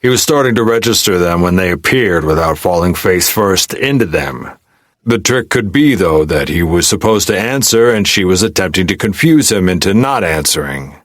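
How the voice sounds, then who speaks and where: A man reading a post-apocalyptic fantasy audiobook, with a very deep, low voice. He tells the story steadily, with a wry, gruff edge, recorded close on a dry mic. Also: animated, normal speed, fairly bright tone, dry recording. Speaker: audiobook narrator. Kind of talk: scripted narration.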